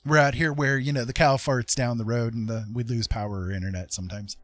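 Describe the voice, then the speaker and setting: Rambling and conversational, a man hosts a livestream and talks casually with viewers, his mid-range voice fast and fairly even in intonation. The recording is dry, with faint background music behind his voice.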